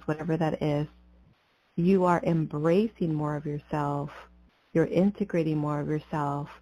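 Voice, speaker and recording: A woman guiding a breathing meditation as a spiritual coach, in a soothing mystical healer manner with deliberate pauses. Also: deep voice, darkish tone, no room sound. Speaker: podcast host and spiritual coach. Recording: slightly dull, muffled lo-fi audio.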